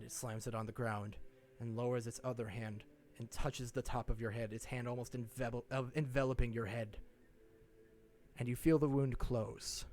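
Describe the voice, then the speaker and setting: A man's voice: mid-range voice, a little mellow. Man narrating a tabletop game. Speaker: game master.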